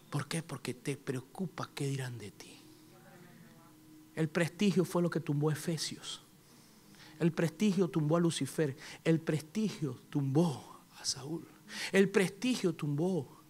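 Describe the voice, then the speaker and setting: A man preaching a sermon in a church, moving from quiet storytelling to shouted exhortation. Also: fairly high pitch, slightly rough. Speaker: apostle preaching.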